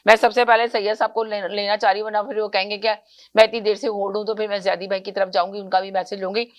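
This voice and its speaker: A woman's voice: mid-range voice, level tone, quick pace. A woman hosting a political call-in talk show, earnest and questioning, often correcting herself mid-phrase.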